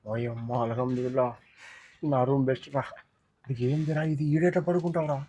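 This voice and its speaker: A man's voice: mid-range voice, a little fast, mellow. A young man chatting casually with family, joking and blunt. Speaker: vlogger's brother.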